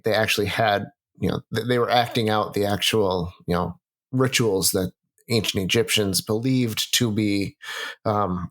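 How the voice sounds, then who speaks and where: A man chatting casually on a podcast, thinking aloud in halting, hesitant phrases. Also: fairly low pitch. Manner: halting, hesitant, full of fillers. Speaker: podcast co-host. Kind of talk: casual chat.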